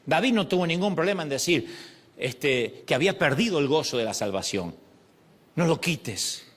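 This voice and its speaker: A middle-aged man delivers a sermon with a lively, swooping voice that sits a little high. He acts out prayers and quoted lines as he preaches. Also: moderate pace, husky. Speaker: pastor.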